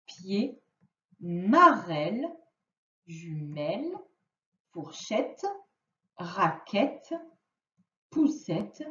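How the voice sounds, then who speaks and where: Woman teacher for a young kids' phonics lesson: slow, lively pitch, roomy, dull recording, off-mic. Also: recorded from a distance. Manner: slow, clearly articulated, sounding out each word.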